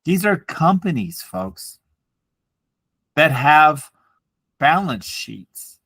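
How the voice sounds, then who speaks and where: A man in his forties co-hosting a podcast talks extremely slowly in a slightly rough voice that's on the high side, captured as a dry recording. He rants, swears a lot, and tells stories animatedly in casual chat.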